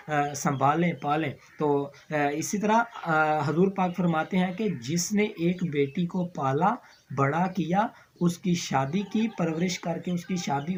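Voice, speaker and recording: A man with a Pakistani Urdu accent hosting a show, earnestly and emotionally telling a religious moral story. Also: on the high side. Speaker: show host. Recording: slightly dull recording with faint background noise.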